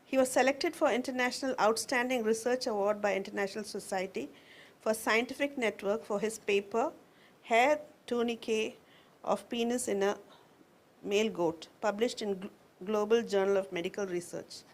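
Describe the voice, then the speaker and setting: A woman's voice: on the high side, normal speed. A woman formally reading out a scripted introduction as an event host.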